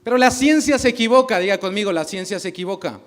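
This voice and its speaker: A man's voice: sits high, fast. A male pastor preaching a sermon, asking the congregation questions and acting out little dialogues.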